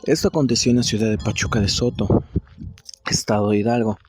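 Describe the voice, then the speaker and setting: A man narrates an anecdote in a courteous, formal way, his voice dark and mellow at a middle pitch. A faint hiss sits under the recording. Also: steady tone, a little fast. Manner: formal, polite storytelling. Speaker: story contributor.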